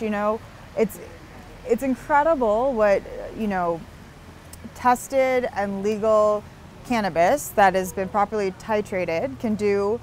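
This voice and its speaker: A woman's voice: fairly high pitch, a little hiss or hum. A young woman being interviewed outdoors on a busy street, talking earnestly and at length, with frequent restarts. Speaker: interview guest.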